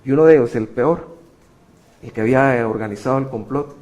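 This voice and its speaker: A middle-aged man preaching a sermon, telling a personal story with sudden swings between loud emphasis and hushed passages. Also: medium pitch, fairly quick. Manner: animated, shifting sharply between loud emphasis and quiet. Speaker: pastor.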